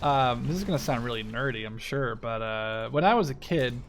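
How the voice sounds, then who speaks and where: A man in his twenties, Dutch and based in Canada, provides animated gameplay commentary at a medium pitch and moderate pace. As a gaming video host he's casual, rambling, eager, and frequently profane. War strategy game sounds are clear in the background.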